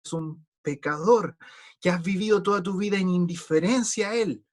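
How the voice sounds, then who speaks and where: Husky man preaching earnestly. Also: high-pitched, moderate pace. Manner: earnest, pleading, with repeated words and restarts. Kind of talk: sermon.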